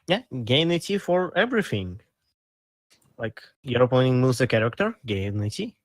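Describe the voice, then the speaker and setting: A man with a mid-pitched voice co-hosts a casual card game chat, explaining points plainly and matter-of-factly. The recording is dry and close, with no room sound. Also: big pitch swings, normal speed, no room sound. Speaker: co-host.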